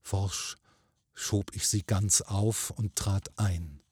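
A man narrating a ghost story in a measured, grave manner. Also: low voice, steady tone, darkish tone, breathy edge, no echo, clean studio sound.

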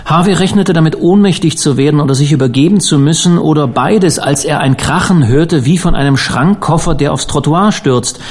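A man reading a sea adventure aloud in measured, dramatic audiobook narration. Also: a little high, slightly rough. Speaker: audiobook reader.

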